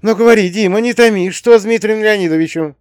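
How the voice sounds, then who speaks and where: A man's voice: high voice, fast talker, a little mellow, no room sound, studio quality, pitched above the performer's own voice, lightly acted. A man voicing a frightened middle-aged mother who speaks weakly and pleads in an audiobook. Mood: frantic pleading. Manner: weak, wailing, pleading. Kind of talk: audiobook character voice.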